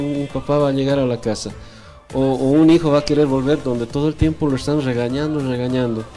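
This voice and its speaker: Guy, 40s, radio host, preachy and earnest, mellow tone, soft music behind. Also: mid-range voice. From Bolivia. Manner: earnest, preachy, tag questions. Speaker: radio program host on family and faith. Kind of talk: radio talk with religious counsel.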